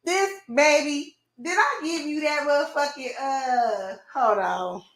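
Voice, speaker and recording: Woman streamer with a high voice: brash, profane, confrontational, casual live chat. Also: slow. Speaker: livestream host.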